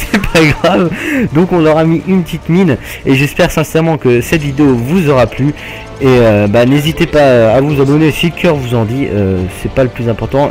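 A man casually commenting on his own gameplay, hesitant with many filler pauses and a laid-back, jokey manner. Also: fairly high pitch, a little mellow. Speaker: gaming channel host. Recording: game gunfire noise underneath. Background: video game gunfire.

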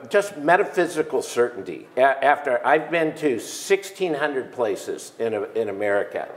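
In a conference keynote conversation, a panel guest in his sixties talks emphatically and restarts often, using a lapel mic. He's seated in an armchair on a stage in a large room. His voice has medium pitch, and the room is echoey.

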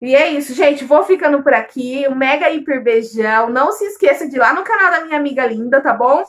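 Here a pregnant young vlogger, near the end of her pregnancy, talks in a relaxed, chatty way and keeps addressing her audience as "loves." She sounds high-pitched, animated, and brisk.

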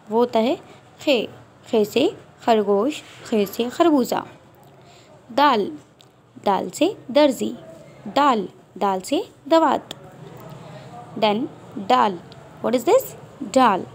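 Woman teacher, patient nursery lesson, fairly high voice, slow careful pace, faint background noise. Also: gravelly. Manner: slow, patient letter-by-letter drilling for small children; mixes English and Hindi-Urdu. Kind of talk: online class lesson.

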